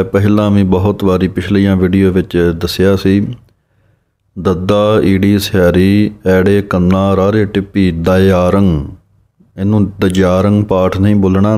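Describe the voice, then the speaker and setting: Deep, flat-voiced man teaching recitation. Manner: explains plainly, then recites verses slowly and chants some lines. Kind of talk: recitation lesson, explaining correct pronunciation and pauses.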